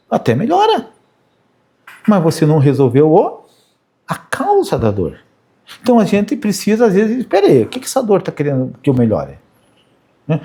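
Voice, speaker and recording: Middle-aged man, high and mellow voice, informal sermon full of anecdotes. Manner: chatty, anecdotal, frequent "né?" tags. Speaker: spiritist speaker. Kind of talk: informal spiritual talk with anecdotes.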